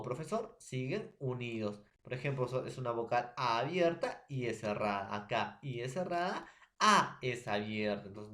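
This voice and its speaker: A man's voice: medium pitch, fairly bright tone. Peruvian man teaching a patient lesson. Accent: Peruvian Spanish. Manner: explains slowly with a homely story, checks in with questions. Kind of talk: recorded classroom lesson.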